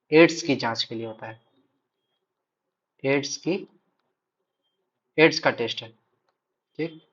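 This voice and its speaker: A man with a Bihar accent giving a recorded exam-prep lecture. He drills each key term by saying it again and again, pausing to check that his students are following. His voice sits at an ordinary pitch and comes through a dull, lo-fi recording. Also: fairly bright tone. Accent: Hindi speaker from Bihar. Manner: repeats key terms, checks in with "ठीक है".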